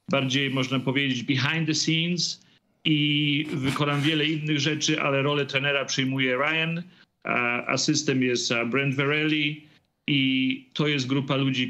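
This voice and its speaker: A man's voice: mid-range voice, creaky, bright, forceful tone, lo-fi sound. A middle-aged man, father of a young boxer, speaking hesitantly with many fillers on a video call from a room at home. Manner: hesitant, many drawn-out fillers, mixes in English phrases. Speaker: boxer's father and team member. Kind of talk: remote interview over video call.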